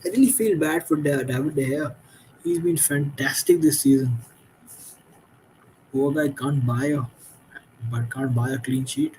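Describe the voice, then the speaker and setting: A man's voice: medium pitch, unhurried, long pauses, darkish tone, a little hiss or hum, rough recording. A tired man hosting a late-night football watchalong, giving frustrated, critical reactions to the game as it happens. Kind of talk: live match commentary and reaction.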